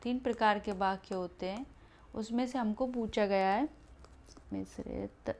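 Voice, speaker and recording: A woman's voice: medium pitch, unhurried, darkish tone. A woman teaching Hindi grammar for an exam, explaining each answer step by step and checking in with "ठीक है" after each point.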